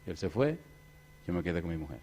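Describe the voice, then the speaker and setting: A male pastor preaching a sermon through a lively, joking personal anecdote, acting out the other people in it. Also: deep voice, fast, slight background noise. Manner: lively, jokey anecdote-telling; acts out other people's voices. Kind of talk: storytelling sermon.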